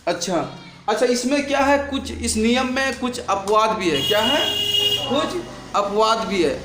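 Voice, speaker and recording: A man's voice: high-pitched, expressive, a little slow, fairly bright tone, slight background noise. A man teaching an English lesson in a classroom, firing questions at his students and drilling their answers. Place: classroom with a board. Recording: echoey classroom.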